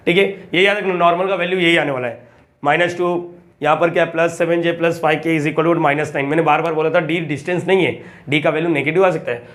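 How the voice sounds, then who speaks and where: A young man teaching maths in a chatty, coaxing way, often repeating phrases slowly as he writes. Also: fairly high pitch, steady tone, fairly bright tone. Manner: chatty and coaxing, acts out student questions and repeats phrases slowly while writing. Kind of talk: classroom lecture.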